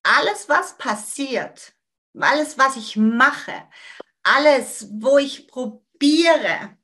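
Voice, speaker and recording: Slow, high-voiced woman coaching with emphasis. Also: animated. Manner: repetitive and emphatic, phrases trailing off quietly. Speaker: manifestation coach. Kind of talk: motivational talk to an audience.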